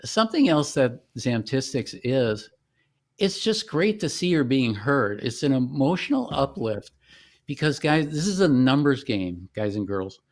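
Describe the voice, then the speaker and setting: A company founder demonstrates a product informally, explaining things in a halting, conversational manner. His mid-range voice is very animated.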